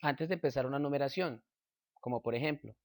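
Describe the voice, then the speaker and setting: Guy reading a grammar lesson slow and careful, mid pitch, dry close sound. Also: dry recording. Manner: slow, measured reading with example sentences. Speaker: teacher.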